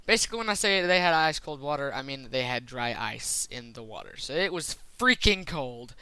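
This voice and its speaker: Bright, crisp young male vlogger. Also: medium pitch, a little fast, no echo, poor audio. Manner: rambling, excitable, lots of fillers. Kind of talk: casual storytelling vlog.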